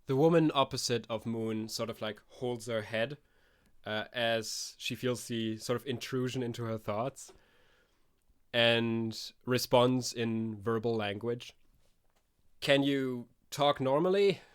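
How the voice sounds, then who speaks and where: Smooth-voiced man running a tabletop game. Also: medium pitch, fairly even intonation, measured pace. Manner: thinks aloud, many restarts and fillers. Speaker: game master.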